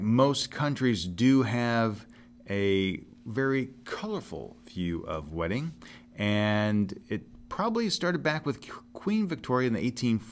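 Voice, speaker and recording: A man hosting a podcast in casual talk, chatty and jumping up loud and high when he addresses listeners or his guest. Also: slight background noise. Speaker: podcast host.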